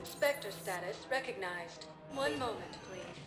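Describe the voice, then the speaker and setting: A woman voicing a calm automated elevator announcer in a game, giving slow, even, polite announcements. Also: mid-range voice, a crowd in the background. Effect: calm computer announcement voice. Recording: roomy echo over loud music. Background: loud game music.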